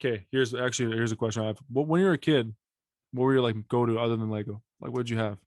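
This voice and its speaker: Podcast host, man in his twenties, mid-pitched, quick and relaxed, dry sound. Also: no room sound. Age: 20s. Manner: laid-back, quick questions and reactions. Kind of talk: casual chat.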